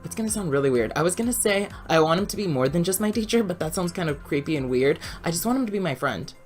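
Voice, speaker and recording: A woman's voice: lowish voice, expressive, fast, darkish tone, faint music behind. A young woman telling a chatty, rambling story as a voice-over, laughing often. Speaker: YouTuber.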